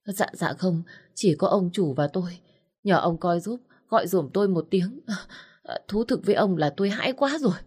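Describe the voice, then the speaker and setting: A woman voicing a terrified aging female housemaid who shouts and pleads for help. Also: lowish voice, expressive, normal speed, husky. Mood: frightened pleading.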